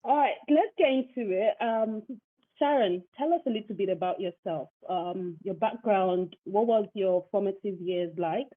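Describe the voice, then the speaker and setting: A woman's voice: medium pitch, normal speed. A woman hosting a podcast, chatting casually and telling stories with laughs. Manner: chatty, warm storytelling with laughs. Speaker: podcast host. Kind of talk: casual chat. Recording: tinny phone-like line.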